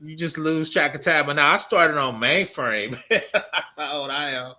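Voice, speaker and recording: A man's voice: a little high, measured pace, bright, forceful tone. A man in his fifties hosting a casual tech chat, laughing often as he talks. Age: 50s. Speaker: host.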